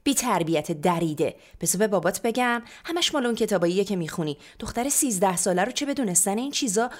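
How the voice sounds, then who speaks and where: A woman voicing a short-tempered middle-aged mother who scolds loudly and fast in a storybook reading. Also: animated, natural voice. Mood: scolding. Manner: shrill, fast, nagging.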